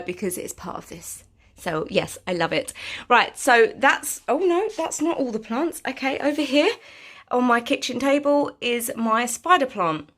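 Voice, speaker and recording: A woman's voice: medium pitch, fairly bright tone. A woman chatting casually through a home vlog, self-deprecating and full of fillers. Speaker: vlogger. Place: home, indoors.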